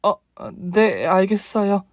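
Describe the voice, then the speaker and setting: A man voicing a polite, hesitant young daughter-in-law in a dramatized story, speaking higher than his own voice. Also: animated, slow, no room sound, studio quality, full character voice.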